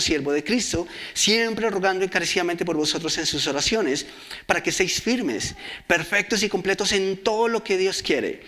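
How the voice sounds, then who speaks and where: A male preacher delivers a sermon. His voice is bright and sits slightly high. He reads verses aloud and keeps asking the congregation questions.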